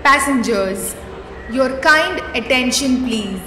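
A woman making railway station announcements over a PA loudspeaker, delivering each word in a slow, evenly spaced way. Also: high voice, expressive, music in the background. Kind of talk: recorded train announcement. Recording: echoey, distant loudspeaker with train noise.

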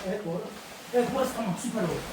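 A father barking quick orders again and again while he rigs up a family project at home. He talks very fast and repeats himself. His voice bounces around a very echoey room, picked up from a distance over steady background noise. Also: high-pitched. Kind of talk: family vlog, playful bossy chatter.

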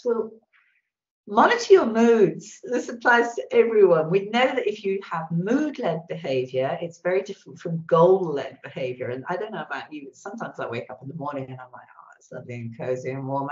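A woman talks an online audience through her presentation with a lively, up-and-down delivery. The sound comes through a video call, dull and lo-fi with a roomy echo around her voice. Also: medium pitch. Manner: animated, acts out little voices. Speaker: webinar presenter. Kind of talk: presentation talk.

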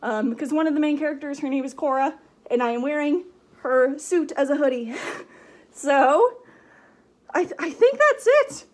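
A woman's voice: high voice, animated, moderate pace. A woman chatting casually in a vlog, giggly and rambling, her voice muffled inside a costume head. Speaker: vlogger.

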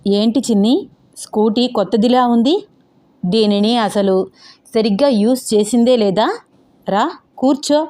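A playful young boyfriend , voiced by a woman narrator, teases and coaxes his girlfriend through a scooter lesson. The tone is soft and mellow, and it sits fairly high. The voice sounds amused and patient, as in an audio novel. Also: a little slow, pauses often, close to an everyday voice. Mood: coaxing. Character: teasing, good-humored young man teaching his girlfriend. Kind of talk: audio novel character reading.

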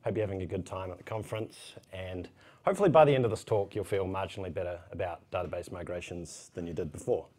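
A man in his thirties with a broad New Zealand accent speaks fast in a low, slightly mellow voice. Standing at a podium in an indoor conference room, he gives an informal technical talk sprinkled with casual, wry asides.

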